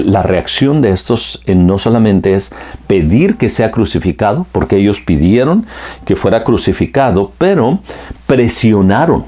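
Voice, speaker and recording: Low husky-voiced preacher man. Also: dark tone. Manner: earnest, addresses listener directly as friend; repetitive preaching cadence. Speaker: pastor. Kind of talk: sermon.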